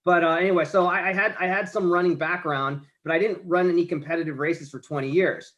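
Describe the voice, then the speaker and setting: The recording is muffled, but this man's voice comes through fairly high, steady, brisk, and fairly bright. He's an American in his late forties discussing marathons on a podcast, rambling casually with frequent restarts and stammers.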